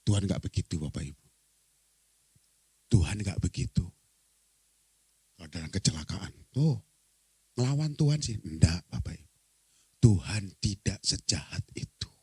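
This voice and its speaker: A man preaching a lively, comic sermon, acting out the story's dialogue in changing voices. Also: low-pitched, moderate pace, pauses often, breathy edge, no echo. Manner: animated, acts out dialogue with shifting voices. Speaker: pastor.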